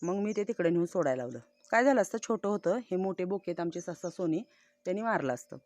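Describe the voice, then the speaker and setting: A woman's voice: lowish voice, animated, quick pace, darkish tone, no room sound, faint music behind. A woman vlogging casually outdoors on a farm, chatting homely and directly to her viewers. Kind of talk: casual farm vlog narration.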